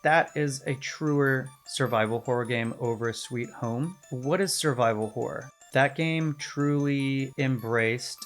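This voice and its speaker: A man's voice: medium pitch, slow pace, few pauses, soft background music. A man hosting a gaming video, narrating a casual video essay and explaining things step by step with conversational asides.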